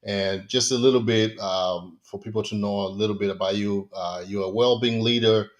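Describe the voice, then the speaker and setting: A man's voice: fairly low pitch, steady tone, moderate pace. A man hosting a podcast, asking questions in a loose, enthusiastic way with many fillers. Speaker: podcast host. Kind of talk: casual interview talk.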